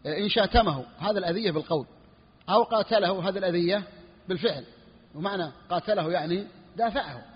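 A man's voice: high-pitched, fast talker, breathy edge, big-room sound, dull audio. A man, a sheikh, teaching a religious law lesson, explaining a text and repeating his key phrases for emphasis. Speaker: sheikh teaching a fiqh book.

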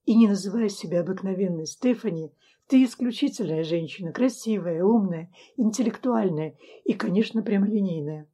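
A passionate, intense man in love, read by a woman narrator speaks in an earnest, pleading tone in a storybook reading. The voice is dark and husky, with a soft, breathy edge. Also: medium pitch, normal speed, natural voice.

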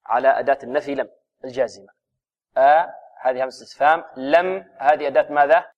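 A man teaching Quran recitation, chanting verses slowly, then explaining the rules and quizzing his class with rhetorical questions. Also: medium pitch, highs cut off. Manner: drills students with rhetorical questions. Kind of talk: chanted recitation and grammar lesson.

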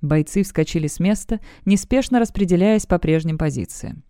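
Woman reading a fantasy audiobook, smooth clear voice, dry close mic. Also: on the low side, normal speed, no room sound. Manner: even, storytelling delivery. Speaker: audiobook narrator. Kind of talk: scripted narration.

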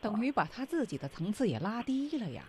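Lively, chatty woman hosting a radio lesson. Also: a little high, brisk, a crowd in the background. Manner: chatty, laughs along, prompts the teacher. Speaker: radio host. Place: radio studio.

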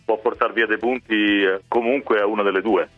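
A man's voice: lowish voice, steady tone, brisk, soft background music. A man discussing football as a radio guest over the telephone, hesitating and repeating words as he builds points. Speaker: newspaper editor as phone-in guest. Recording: narrow tinny phone line.

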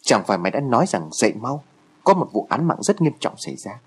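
A man's voice: mid-range voice, sing-song, fast, breathy edge. A man voicing a lazy, sleepy teenage boy who grumbles and teases his friend in a horror story reading. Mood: grumbling. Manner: grumbling, teasing.

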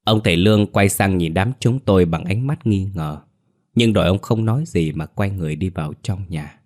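Deep-voiced ghost storyteller. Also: male voice, moderate pace, a little mellow. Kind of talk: scripted first-person ghost story narration.

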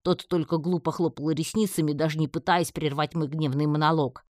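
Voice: mid-range voice, fairly even intonation, brisk, darkish tone, dry recording. Audiobook narrator, dry close sound. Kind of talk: first-person audiobook narration.

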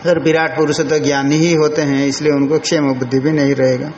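An older male monk giving a scripture lecture, explaining slowly and chanting Sanskrit words with care. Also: on the high side, level tone, darkish tone. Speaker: monk teacher. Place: ashram hall. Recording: roomy, dull lo-fi recording with faint hiss.

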